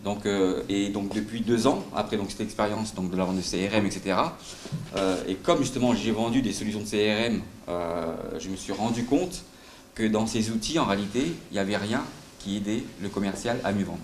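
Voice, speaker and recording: A middle-aged man with a light southern French accent gives a live sales talk in a conference room, hesitant and full of fillers, often asking the audience questions. His voice is on the low side and a little fast. The recording has a roomy hall sound with faint noise.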